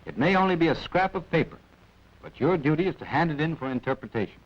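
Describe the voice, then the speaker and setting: Narrating a 1940s military training film, an American-accented man gives clipped instructions punctuated by wry asides. His voice is a little high and expressive, and he talks fast, heard through a dull, band-limited vintage soundtrack.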